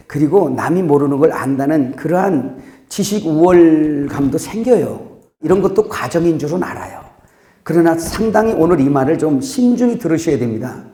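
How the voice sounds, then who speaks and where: A man preaching a sermon as pastor, swinging between loud outbursts and quiet asides, laughing at his own jokes. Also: fairly high pitch, roomy sound.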